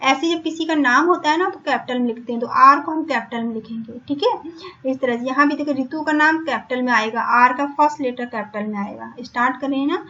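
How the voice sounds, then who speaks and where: A woman teacher with an Indian English accent, patiently explaining a school lesson in Hindi and English and repeating words slowly for her pupils. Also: high-pitched, pushed and bright. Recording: dull lo-fi recording, faint hiss.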